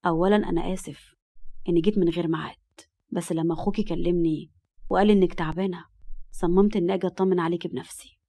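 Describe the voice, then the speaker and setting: A woman's voice: lowish voice, steady tone, rapid-fire, gravelly, dark tone, voice pushed down. A woman with an Egyptian accent voicing a smug, arrogant rich man in his thirties who talks in a cold, condescending, slyly polite way. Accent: Egyptian Arabic.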